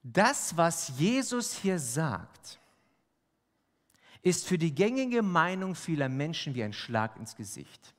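A man's voice: fairly high pitch, very animated, takes it slowly. A man preaching a sermon, speaking emphatically and asking the congregation rhetorical questions. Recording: long hall reverb.

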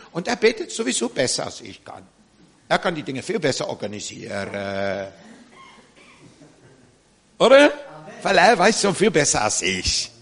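Gravelly, animated preacher man from South Africa. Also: fairly high pitch. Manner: animated, warm-hearted preaching with frequent "ne?" asides. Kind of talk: sermon.

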